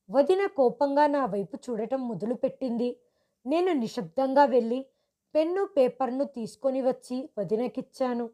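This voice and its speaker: Young woman, storyteller, scripted narration, high voice, steady reading.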